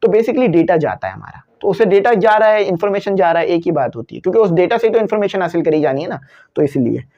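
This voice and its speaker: A man's voice: high-pitched, sing-song, fast talker, dull audio. A man with a Pakistani Urdu accent teaching a physics class, explaining with everyday examples and slipping into English for terms, on a cabled microphone. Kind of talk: classroom lecture video.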